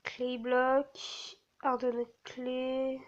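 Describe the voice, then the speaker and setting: A woman's voice: sits high, monotone, very slow. A woman casually walking viewers through a game server, hesitant and full of fillers. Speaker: gamer showing a server. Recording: dull lo-fi mic with faint hiss.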